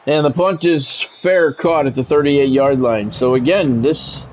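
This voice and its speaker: Commentating a football video game live on stream, a man speaks a little slowly in a medium-pitched, slightly mellow voice, with slight background noise. His play-by-play blends with plain, grumbling casual chat.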